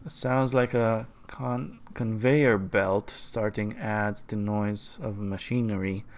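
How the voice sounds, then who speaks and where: A man's voice: lowish voice, steady tone, takes it slowly, darkish tone. A man streaming a game, chatting casually and reading the on-screen text aloud.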